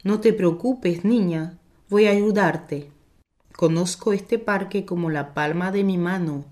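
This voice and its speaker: A woman's voice: lowish voice, takes it slowly. Woman doing a kind, reassuring park keeper. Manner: calm and reassuring. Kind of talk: storybook narration.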